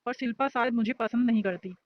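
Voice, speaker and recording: A woman's voice: fairly high pitch, fast talker, muffled recording, close to an everyday voice. A woman voicing a shy, lovestruck young male student who talks earnestly and defensively.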